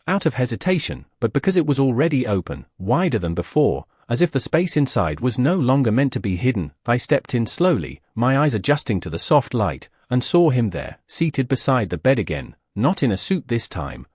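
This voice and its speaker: Male narrator for a dramatic audio story: slightly husky, dry close sound, measured delivery. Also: medium pitch, darkish tone, no echo. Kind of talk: first-person scripted narration.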